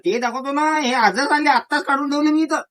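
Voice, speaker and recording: Brief: man, high voice, reassuring clothing seller. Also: brisk, fairly bright tone. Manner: persuasive, reassuring about quality. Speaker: shopkeeper. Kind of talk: sales talk in a comic sketch.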